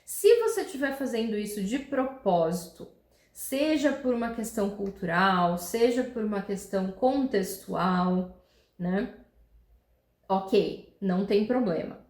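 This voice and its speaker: A woman's voice: mid-range voice, lively intonation, darkish tone. A woman with a mid-range voice gives an online English grammar lesson. She explains step by step and keeps checking that her students follow. The room around her voice sounds echoey. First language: Portuguese. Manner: reads English examples slowly and clearly. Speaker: English teacher. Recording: roomy echo.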